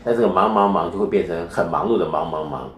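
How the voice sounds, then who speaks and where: A man speaks as a spiritual teacher in an interview, his voice sitting very low. He explains at length and keeps turning his points into rhetorical questions. The room around him is echoey, with a faint hiss underneath. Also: fast talker, fairly bright tone. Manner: lecturing, with frequent rhetorical questions.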